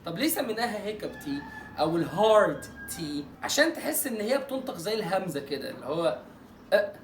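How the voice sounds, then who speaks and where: A man with an Egyptian Arabic accent teaching English pronunciation in an online lesson. He jokes playfully and draws out example words slowly. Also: high-pitched, sing-song, reverberant, distant mic, a little hiss or hum.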